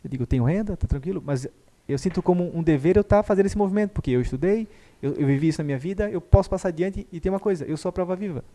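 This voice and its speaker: Homem de voz grave e fala rápida. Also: male voice, high-pitched, racing. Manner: animated, acts out dialogue. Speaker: guest therapist. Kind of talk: conversational storytelling.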